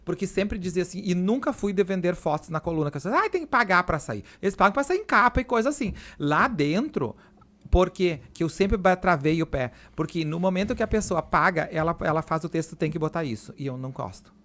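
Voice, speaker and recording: A man talking fast on a casual podcast, his voice sitting a little higher than most men's. He tells his stories with lively energy and slips into the voices of the people he quotes. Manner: animated storytelling, acts out quoted lines. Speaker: guest, event presenter and social columnist.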